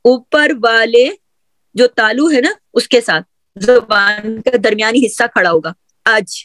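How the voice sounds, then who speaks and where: A woman's voice: a little high, dry recording. A woman teaching Quran pronunciation, patiently drilling letter sounds and often checking that her learners follow. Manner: repeats sounds for drilling, asks "theek hai?" often; gently encouraging, addresses female learners. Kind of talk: patient tajweed lesson on letter articulation.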